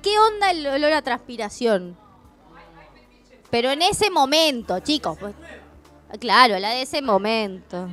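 A woman's voice: sits high, animated, measured pace, pauses often, fairly bright tone, soft background music. A woman with an Argentine accent co-hosting a live radio show, chatting in a playful, bawdy way. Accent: Argentine Spanish. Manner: playful, bawdy, laughs often. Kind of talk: casual banter on live radio.

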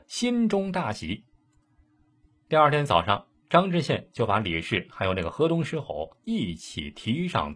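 A man telling an old case story in a lively, colloquial way. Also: on the low side, breathy edge. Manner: lively, colloquial, dramatic asides. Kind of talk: casual storytelling.

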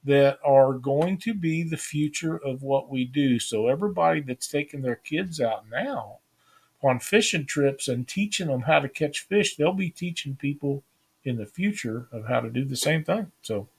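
A man's voice: mid-range voice, lively intonation, moderate pace, creaky, slightly rough. A man hosting a live fishing stream, talking casually and rambling through stories with homespun grammar.

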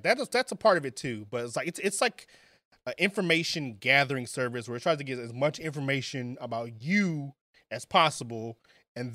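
A man's voice: medium pitch, sharp tone, no room sound, studio quality. A man co-hosting a podcast in casual chat, often repeating words as he makes his point. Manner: stammering, repeats words when making a point. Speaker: podcast co-host.

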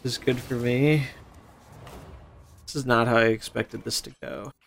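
Casual gamer man with a creaky voice. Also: medium pitch, steady tone, moderate pace, a little hiss or hum. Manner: analytical, explanatory. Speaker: podcast host playing a card game. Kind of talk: casual gameplay chat and commentary.

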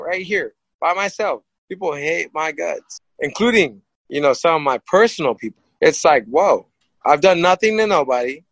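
A man who is a boxer, telling stories as a guest in a casual, rambling and animated way, often repeating himself. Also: sits high, no room sound, low-quality recording. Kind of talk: casual storytelling. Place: studio set, live stream.

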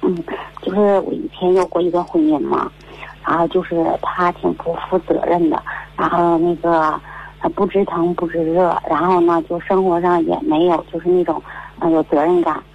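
A woman's voice: on the low side, flat delivery, moderate pace, vocal fry, slightly rough. A woman, calling in to a radio advice show and telling her story with many fillers over a muffled line. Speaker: caller. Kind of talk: phone-in advice call.

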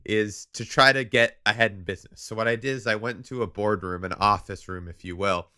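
A man hosting a comedy podcast, joking in a deadpan way. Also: on the low side, brisk, smooth. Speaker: podcast host. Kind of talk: casual comedic chat.

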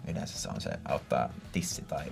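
A man's voice: extremely low pitch, lively intonation, creaky, soft background music. A man in his thirties co-hosting a podcast, joking playfully and imitating sounds in casual chat. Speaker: podcast co-host.

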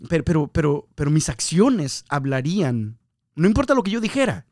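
A man hosting a podcast, reflecting casually on scripture in an animated way, repeating words and talking straight to the listener. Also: on the high side, moderate pace, no echo, clean studio sound. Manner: animated, repeats words, often laughs, addresses listener directly.

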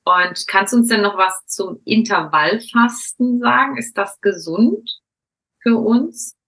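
A woman's voice: medium pitch, expressive, takes it slowly, fairly bright tone, husky, rough recording. A young woman hosting a podcast interview, asking questions and cheerfully encouraging her listeners. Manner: upbeat, encouraging, addresses listeners as a group. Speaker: podcast host.

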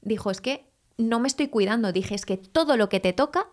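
Woman, young adult, podcast co-host, animated storyteller, casual chat. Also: fairly high pitch, fairly quick. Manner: animated storyteller, acts out quotes.

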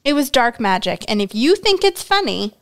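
A man's voice: extremely high pitch, sing-song, normal speed, a bit bright, pitched above the performer's own voice, heavily acted. A man reading aloud and voicing a fierce, principled teenage schoolgirl who questions sharply and with exasperation. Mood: pleading. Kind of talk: read-aloud character voice.

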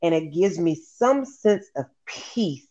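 A guest sharing personal habits in a measured, reflective way. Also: mid-range voice, lively intonation, dark tone. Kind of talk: casual interview chat. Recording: dull lo-fi line.

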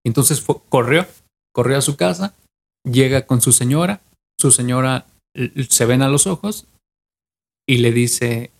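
A man's voice: mid-range voice, measured pace, vocal fry, pauses often, darkish tone. Mexican man telling a legend. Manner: retells a legend from memory, often repeating and restarting phrases. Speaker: podcast co-host. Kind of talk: casual podcast storytelling.

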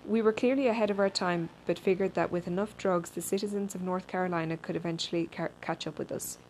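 A woman reads a personal essay aloud in a dry, deadpan manner, with a slightly low voice. She sometimes trips over a word and restarts it. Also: fast talker, a little hiss or hum, low-quality recording. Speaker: reader.

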